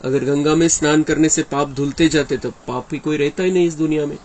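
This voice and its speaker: A man's voice: a little high, steady tone, a little fast, darkish tone, rough recording. A man giving an earnest devotional discourse, explaining and often quoting his teacher. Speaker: spiritual speaker explaining a daily discourse.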